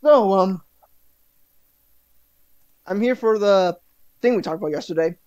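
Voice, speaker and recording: A man's voice: sits high, unhurried, a little mellow, dry recording, muffled recording. A man playing in a tabletop game, hesitant and chuckling as he talks, often restarting his sentences. The recording is dry, with no room sound around him. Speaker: player. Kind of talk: in-character tabletop play.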